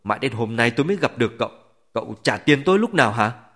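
A man voicing a scornful, sharp-tongued middle-aged mother in an audiobook, mocking and accusing. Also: medium pitch, very animated, normal speed.

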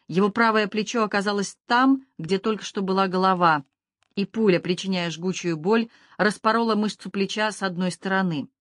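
A woman narrating a thriller audiobook in a steady, even reading manner. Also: mid-range voice, dry recording, studio quality. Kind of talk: scripted narration.

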